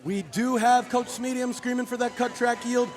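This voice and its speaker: A man calling a roller derby bout live, with his voice worn and hoarse, rising and cracking when the action heats up. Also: normal speed, faint music behind. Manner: excitable, voice cracking up high when thrilled. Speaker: roller derby play-by-play commentator. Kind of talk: live sports commentary. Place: roller derby arena, crowd around. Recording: live arena with clear crowd noise. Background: crowd noise.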